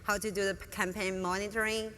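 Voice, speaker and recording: Speaking fast in a level tone, this medium-pitched, fairly bright-voiced woman from northern China answers on-stage interview questions with eagerness and a Chinese accent. She is a student guest using non-native phrasing, recorded in a large, reverberant conference hall with faint room noise.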